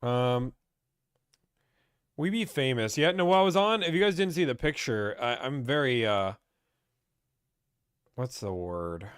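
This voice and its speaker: A man's voice: mid-range voice, lively intonation, a little slow, pauses often, a bit bright, clean tone, dry recording, clean studio sound. Chatty young man hosting a live stream. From Pittsburgh. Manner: chatty, reads viewer comments aloud and answers offhand. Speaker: livestream host answering car-buying questions.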